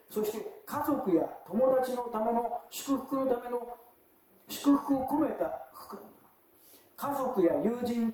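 Recorded on a distant mic in a very echoey church hall, a pastor chats his way through a sermon in the sanctuary, frequently asking the congregation questions. He has a very high voice with a dark tone.

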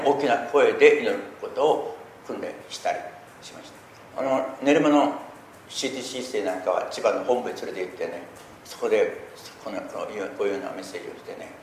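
Earnest preaching man, roomy echo. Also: mid-range voice. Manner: earnest, swells loudly on key points. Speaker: pastor. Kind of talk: sermon. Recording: echoey room with faint noise.

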